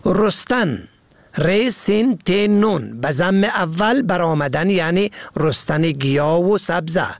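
A man presenting a scripted radio language lesson, slowly spelling out words letter by letter. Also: sits high, lively intonation, creaky, no echo. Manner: slow, careful spelling out of words.

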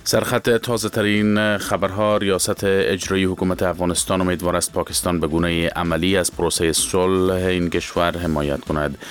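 A man reading the news in a measured, formal way. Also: low voice, flat delivery. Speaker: newsreader. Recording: dry studio sound.

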